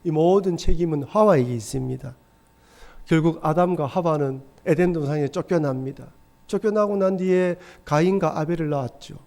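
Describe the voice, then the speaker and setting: A man's voice: on the high side, moderate pace, a little mellow. A middle-aged man, a pastor, preaching a sermon in a church with earnest storytelling. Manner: earnest storytelling, acts out quoted voices. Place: church sanctuary.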